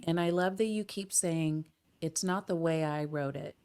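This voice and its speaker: A woman hosting a casual conversational interview, her voice hoarse and croaky like a frog from a respiratory illness, talking in an earnest, chatty way. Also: sits low, moderate pace, darkish tone. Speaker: podcast host.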